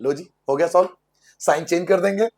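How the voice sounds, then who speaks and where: Speaking a little fast in a high voice, a maths teacher walks his class through every step aloud. He poses questions and then answers them himself in a sing-song, repetitive style, with a playful tone and the odd joke for the students.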